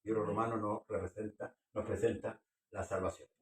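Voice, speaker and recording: A man's voice: fairly low pitch, level tone, fairly quick. Male pastor giving an earnest sermon with questions, recorded far off in an echoey hall. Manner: earnest preaching, questions to the congregation. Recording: echoey room, far from the mic.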